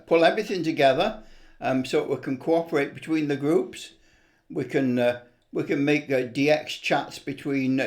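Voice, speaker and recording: This is off-the-cuff vlog chatter from a middle-aged or older man showing off a hobby, casual and eager as he rambles along. He has a mid-range voice with a darkish tone.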